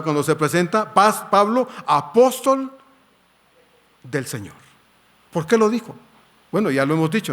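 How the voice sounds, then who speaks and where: A middle-aged male pastor, preaching a sermon in a conversational way, telling anecdotes and asking rhetorical questions. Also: a little high.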